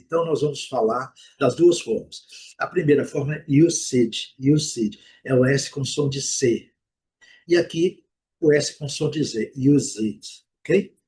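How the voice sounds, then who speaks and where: A man with a Brazilian Portuguese accent teaching English pronunciation, modeling each word slowly several times and checking in with frequent "né?" and "ok?". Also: medium pitch, a little mellow, slightly rough. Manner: repeats words slowly, frequent "né?" and "ok?". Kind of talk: explaining pronunciation, slow modeled repetitions.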